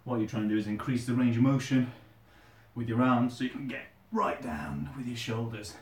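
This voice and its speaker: A man's voice: mid-range voice, brisk. A British man hosting a casual workout vlog, chatting informally while he does push-ups. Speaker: host of a fitness challenge video. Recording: roomy echo, distant microphone.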